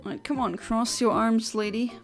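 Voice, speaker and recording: A woman's voice: fairly high pitch, fairly even intonation, moderate pace, soft background music. A young woman from Luxembourg, chatting on a livestream headset mic, reading out viewer comments and giggling between rambling asides.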